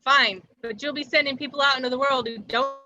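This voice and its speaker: A woman's voice: sits high, steady tone, brisk, muffled recording, natural voice. A woman reading a sweet, naive small-town woman who speaks with earnest innocence in an amateur sitcom table read. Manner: earnest, guileless.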